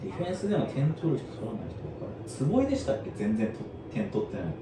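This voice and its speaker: A man's voice: mid-range voice, huge pitch swings, very fast, noisy background. A man chatting casually as a co-host during a match. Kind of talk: casual chat. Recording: echoey room, distant mic, music behind.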